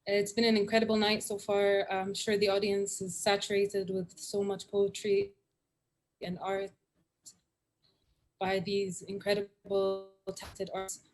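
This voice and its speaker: Over a video call, a poet from Syria talks and then performs spoken word poetry, using dramatic repetition in an earnest, measured style. She has a medium-pitched voice with a completely flat delivery.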